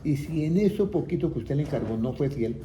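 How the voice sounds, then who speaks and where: A man's voice: on the high side, animated, fairly quick. A man teaching the Bible to a small group, often asking them questions and waiting for answers. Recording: echoey room with faint background noise.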